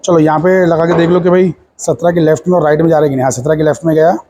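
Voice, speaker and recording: A man's voice: on the high side, steady tone, racing, dark tone, a little hiss or hum. A man teaching a physics lab in Hindi mixed with English, with an Indian accent. He explains step by step and keeps checking that the class follows. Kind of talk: hands-on lab demonstration.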